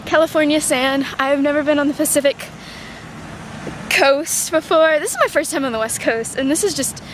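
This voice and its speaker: A young woman filming a travel vlog outdoors, gushing and excitable, squealing when something thrills her. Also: high voice, moderate pace. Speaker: vlogger. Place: outdoors in a busy city, on a beach. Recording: noisy outdoor ambience with traffic.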